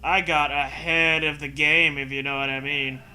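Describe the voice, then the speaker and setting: A man with a fairly high voice co-hosts a comedic story reading, delivering it in a hammy, dramatic way with a level tone at a moderate pace. He keeps breaking off to riff and toss in casual jokes. The recording is very noisy.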